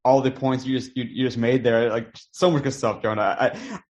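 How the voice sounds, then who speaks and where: A man's voice: medium pitch, moderate pace, a little mellow, highs cut off. A man hosting a podcast, asking long, rambling questions with many fillers and obvious enthusiasm. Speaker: podcast host. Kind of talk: casual interview chat.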